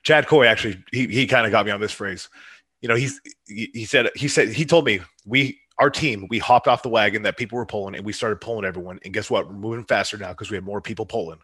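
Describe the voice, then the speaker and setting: A man who runs competitions, chatting fast and getting fired up and preachy about his mission. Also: on the low side, bright, forceful tone, husky. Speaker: competition promoter. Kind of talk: casual chat.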